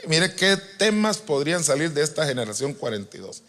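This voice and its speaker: A man preaching a sermon to pastors, animated and joking with the congregation, swinging from loud to soft. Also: on the high side, a little fast. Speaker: apostle preaching. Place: church retreat hall.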